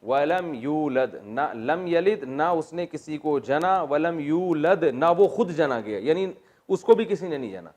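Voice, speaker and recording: A middle-aged man, teaching Quranic Arabic grammar. He spells out word forms slowly, repeats them, and drops in joking asides. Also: on the high side, animated, a little mellow. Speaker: religious teacher.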